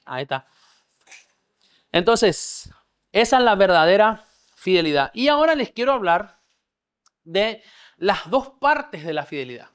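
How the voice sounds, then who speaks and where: A man preaching a discipleship sermon. He teaches a live congregation in church, keeps checking that they follow, and has them repeat words back to him. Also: high-pitched. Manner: checks understanding, leads call-and-response. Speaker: pastor.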